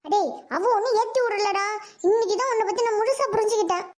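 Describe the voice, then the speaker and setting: Very high scolding cartoon mother, a woman voicing her. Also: fast. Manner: scolding, accusing. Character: angry aging mother, bitter toward her son. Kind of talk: Tamil cartoon voice acting.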